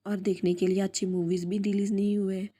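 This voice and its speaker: A woman's voice: mid-range voice, level tone, a little fast, warm tone, slightly rough, natural voice. A woman reading out a bored young female friend who complains casually.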